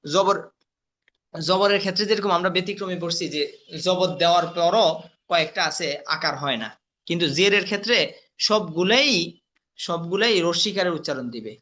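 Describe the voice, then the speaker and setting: Young guy teaching letter sounds, kinda high voice, goes slow and repeats everything. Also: pushed and bright. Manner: slow, deliberate recitation with repeated drills and quiz questions to the class. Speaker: Quran reading teacher. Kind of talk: recorded lesson, drilling letter sounds.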